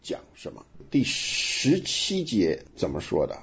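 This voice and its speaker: Husky, animated male radio Bible teacher. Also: low voice, slow pace, dull audio. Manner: emphatic, questioning teaching with rhetorical questions. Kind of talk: radio Bible study discussion.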